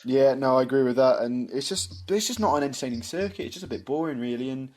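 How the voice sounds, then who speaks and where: A man's voice: medium pitch, lively intonation, fast, darkish tone. A man with a Welsh accent co-hosts a casual podcast. His voice sits mid-range, and he pushes back on teasing before moving the talk on. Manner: defensive, steers the discussion. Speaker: podcast co-host. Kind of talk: casual banter.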